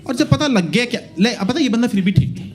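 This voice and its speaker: A young adult man doing stand-up comedy, telling stories in a lively way that mixes Hindi and English. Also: very high-pitched, fast talker, a crowd in the background. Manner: animated, mixing Hindi and English.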